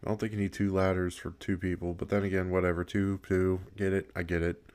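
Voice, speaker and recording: A man's voice: low-pitched, flat delivery, fast, darkish tone, clean tone. A man giving casual gameplay commentary, swearing a lot, laughing often and rambling with restarts. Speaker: gaming video creator.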